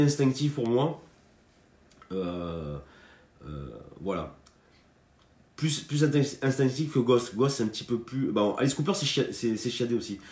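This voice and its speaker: Male guitar teacher on a live stream, loose and chatty, lots of fillers, mid-pitched voice, roomy sound with guitar under him. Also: darkish tone. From France. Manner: chatty, hesitant, many fillers and restarts; greets viewers by name between explanations. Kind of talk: casual live guitar lesson.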